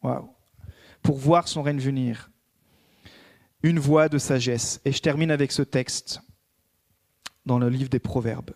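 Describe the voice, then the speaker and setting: A man preaching a sermon as a pastor, swinging between emphatic raised peaks and hushed prayerful passages. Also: mid-range voice, steady tone, slow, long pauses.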